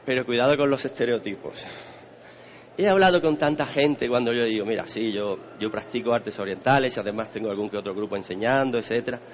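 A man's voice: mid-range voice, a little hiss or hum. Chatty Spanish man giving a lecture. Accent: Spain Spanish. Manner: conversational, often repeats words and checks understanding. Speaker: teacher of Eastern arts. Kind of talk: lecture to a live audience.

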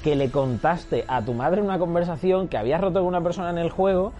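A man's voice: a little high, fast, warm tone, lo-fi sound, faint music behind. A man hosting a podcast, asking teasing, playful questions in a casual interview. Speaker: podcast host.

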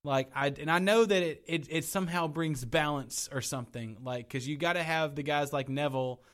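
A man co-hosting a podcast, talking in a casual, animated way with lots of restarts and trailing thoughts. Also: a little high, brisk. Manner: animated, rambling, frequent restarts. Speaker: podcast co-host. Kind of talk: casual chat.

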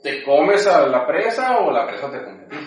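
A man's voice: a little high, sing-song, moderate pace, recorded from a distance, a loud crowd. A man with a Mexican accent in casual chat, making dry, matter-of-fact points. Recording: very echoey room, away from mic.

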